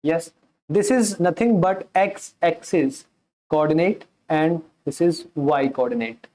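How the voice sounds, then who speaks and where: Male math tutor, unhurried lecture delivery with a warm tone that drops English terms into his Hindi. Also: fairly high pitch. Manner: keeps asking the class questions and answers them himself. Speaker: math teacher.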